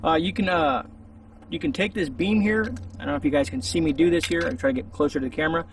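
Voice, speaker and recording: Talking fast in a fairly high voice, a gear review host rambles conversationally to camera in an unscripted, casual segment. He's in a shaded outdoor spot, and a distant mic records faint outdoor sounds.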